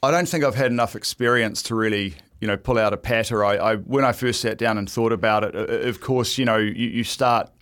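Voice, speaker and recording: A man's voice: fairly low pitch, a little fast, hardly any pauses, a bit bright. A middle-aged man chatting casually as an interview guest, in a stop-start, self-deprecating way. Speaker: guest, event ring announcer. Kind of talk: casual radio interview chat.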